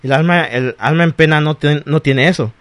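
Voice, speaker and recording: A man, co-hosting a casual chat, animated and laughing often. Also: fairly high pitch, brisk, no echo. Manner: animated, laughs often, acts out quoted voices. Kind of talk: casual chat about exes.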